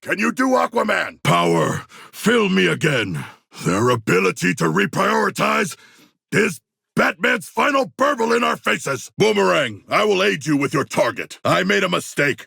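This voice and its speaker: A man voicing a huge, earnest, proudly ferocious shark-man warrior in a video game, with gravelly, stiffly formal and grandiose diction. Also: a little high, very animated, moderate pace, pushed and bright, no room sound, clean studio sound, heavily acted. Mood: fierce, triumphant. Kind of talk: video game character battle barks.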